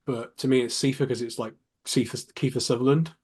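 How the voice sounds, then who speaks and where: Man, husky voice, casual podcast host, chatty and animated. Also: medium pitch, brisk.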